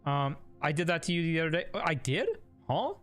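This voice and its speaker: A man's voice: on the high side, steady tone, fast talker, fairly bright tone, soft background music. A man hosting a casual live game stream, rambling and laughing with lots of fillers and restarts. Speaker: streamer and host.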